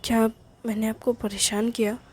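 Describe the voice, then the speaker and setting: A woman's voice: a little high, level tone, normal speed, slightly rough. A woman voicing a tearful young woman. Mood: tearful, apologetic. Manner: soft, apologetic.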